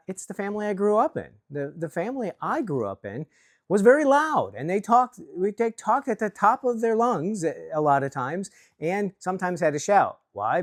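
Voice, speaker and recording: Man from Chicago, earnest leadership coach; animated delivery, dry close sound. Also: fairly high pitch, dry recording. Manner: earnest, lively, self-reflective, with restarts. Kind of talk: talk to camera on workplace leadership.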